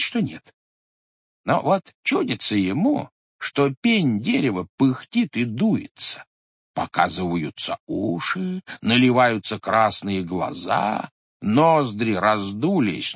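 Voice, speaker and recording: A man reading an audiobook as scripted narration in an animated storytelling manner. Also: medium pitch, breathy edge, no room sound, dull audio. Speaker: audiobook reader.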